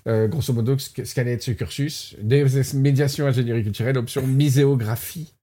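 A man's voice: mid-range voice, fairly quick. A man hosting a podcast in casual chat, teasing his guests and laughing a lot. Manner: laughing, teasing, lively banter. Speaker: podcast host.

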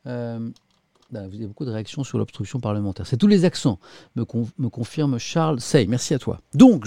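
Man, live-stream host, casual chat, relaxed dark voice, middle pitch, thinks aloud. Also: no room sound. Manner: chatty, thinking aloud, self-mocking.

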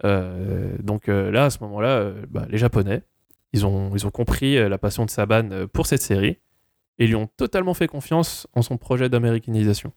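Man, low voice, dry close sound, chatty co-host, hesitant storytelling. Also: fairly quick, gravelly, darkish tone, no room sound. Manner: chatty storyteller, frequent hesitations, addresses listeners. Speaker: podcast co-host. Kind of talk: casual chat.

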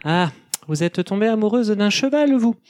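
A man's voice: high-pitched, lively intonation, moderate pace, a little mellow, no echo, clean studio sound, pitched above the performer's own voice. A man voicing a fussy, impatient unicorn hotline operator in a comedy sketch, with a prim, exasperated phone manner.

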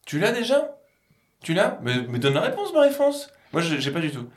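A man hosting a podcast in casual chat, animated and quick to get excited. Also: sits high. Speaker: podcast host. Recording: roomy with faint noise.

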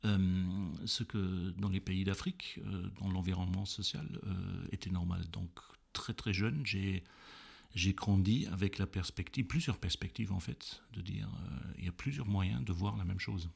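Male guest, husky and gravelly, halting and thoughtful delivery. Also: deep voice, steady tone, darkish tone. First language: German. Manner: hesitant, many fillers and restarts while recounting. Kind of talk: interview conversation.

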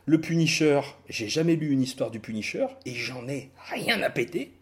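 A man hosting a casual podcast chat, animated and self-mocking, swearing freely. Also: on the high side, moderate pace. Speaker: podcast host.

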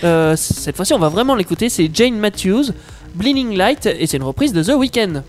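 A man's voice: high voice, expressive, faint music behind. A young man hosting a casual radio chat, joking and laughing as he talks. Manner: jokey, quick, often laughing. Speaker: radio show host.

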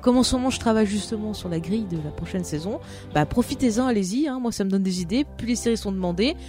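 A woman's voice: medium pitch, animated, fast talker, a little mellow, faint music behind. A woman hosting a casual chat about TV series, chatty and teasing, often laughing. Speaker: podcast host.

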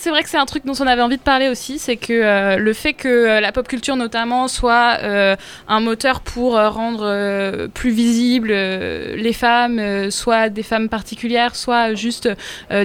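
A woman's voice: fairly high pitch, fairly even intonation, moderate pace, clear, resonant tone. A woman co-hosting a casual round-table talk, hesitant with frequent fillers and laughter. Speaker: podcast co-host.

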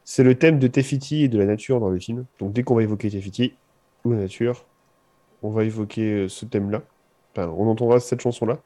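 A young man talks music on a casual podcast, his voice mellow and soft-edged. He rambles and hesitates as he works through his analysis. He slips in joking asides without changing his easy pace. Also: on the low side, fairly quick. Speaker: podcast co-host.

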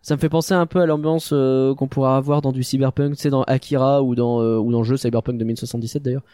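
A man with a Parisian French accent hosts a relaxed film discussion in a mellow, mid-pitched voice. His talk is slangy and self-mocking, with jokes thrown in, and the recording is close and dry. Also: quick pace, dry recording. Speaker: podcast host.

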